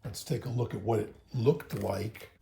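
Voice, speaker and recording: A man's voice: fairly low pitch, moderate pace, vocal fry, mellow, soft background music. A man hosting a car restoration video, chatting casually and explaining each step while he works in a garage. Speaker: host of a car restoration channel. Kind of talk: casual hands-on how-to narration. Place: garage, working inside a car.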